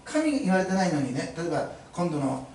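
A man's voice: high voice, sing-song, a little fast, a little mellow, slight background noise. A male pastor preaching a sermon to his congregation, emphatic and fond of rhetorical questions, recorded in an echoey church hall from a distance. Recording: echoey room, mic at a distance.

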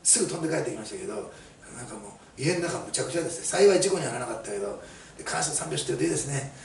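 A man's voice: medium pitch, lively intonation, rapid-fire, vocal fry. A middle-aged man preaching a sermon as a pastor, telling stories chattily with many fillers. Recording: roomy, mic at a distance, faint hiss.

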